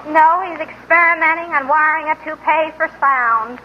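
An actress playing a fretful, wistful nurse with a plaintive, dithering manner in 1940s radio comedy. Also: female voice, high-pitched, moderate pace, heavy background noise, lightly acted. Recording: muffled, tinny old radio recording.

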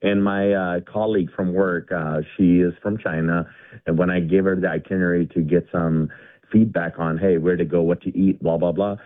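Low-voiced caller on a tinny phone line. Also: male voice, little pitch movement, moderate pace, no room sound. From India. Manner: rambling, many fillers and restarts. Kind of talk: casual call-in chat. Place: home garage.

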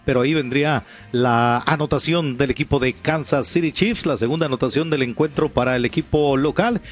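A man's voice: mid-range voice, brisk. A man working as a sports radio host, giving live American football commentary.

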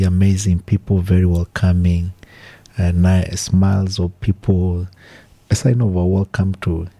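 A man from Kenya, a radio interview guest, answering slowly and hesitantly with many pauses and restarts. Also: low-pitched, dark tone, slightly rough, dry recording. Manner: hesitant, with fillers and restarts, slow and deliberate.

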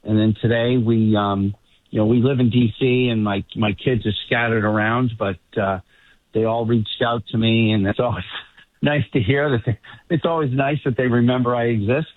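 A man's voice: mid-range voice, steady tone, moderate pace, dry recording. A middle-aged man with a faded Boston accent, chatting casually and a little hesitantly as a correspondent on a radio show. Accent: Boston, fading. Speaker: Washington correspondent, guest caller. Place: remote link to a radio show. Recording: tinny, band-limited remote line.

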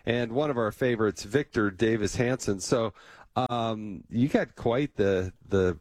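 A man's voice: on the low side, measured pace, a little mellow, dry recording. Conversational male interview host, dry sound. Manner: friendly, conversational, repeats words and restarts.

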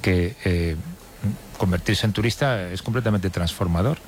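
A man's voice: low-pitched, normal speed, slight background noise. Bantering Spanish-speaking male radio host. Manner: bantering, hesitant restarts. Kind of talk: casual radio chat.

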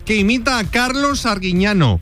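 Brief: energetic male radio host, high and lively, teasing callers over a loud music bed. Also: moderate pace. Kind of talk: upbeat morning radio quiz show. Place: radio studio.

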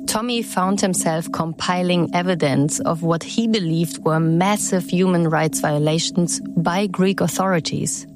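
A woman reporter giving scripted news narration in a measured, even way. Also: fairly low pitch.

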